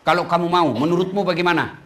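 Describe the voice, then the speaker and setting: Insistent male angel of death, put on by a preacher, low earnest tone, sermon storytelling. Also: steady tone, fast talker, fairly bright tone. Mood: coaxing.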